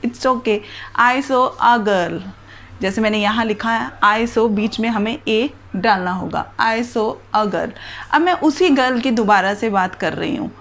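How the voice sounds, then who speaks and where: Slow-explaining woman teacher, higher voice. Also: fairly bright tone. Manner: explains slowly, spells out letters and examples one by one. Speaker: English grammar teacher. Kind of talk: whiteboard grammar lesson.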